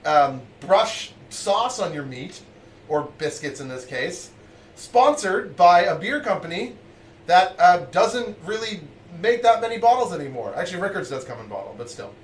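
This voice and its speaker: A man's voice: a little high, echoey room, recorded from a distance, slight background noise. A man hosting a live cooking stream in his basement kitchen, chatting casually and joking as he reads out viewers' messages. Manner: excitable and jokey, reads out chat messages.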